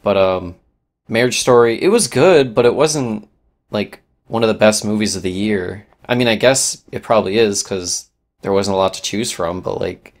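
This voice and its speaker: A man co-hosting a casual podcast, excitable and swearing, often trailing off mid-sentence. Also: fairly low pitch, moderate pace. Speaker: podcast co-host. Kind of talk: casual chat.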